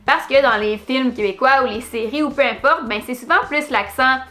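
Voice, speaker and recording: A woman with a Quebec French accent, hosting a casual talk-to-camera video in a chatty, relaxed way with frequent hesitations. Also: sits high, moderate pace. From Quebec, Canada. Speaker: YouTube host.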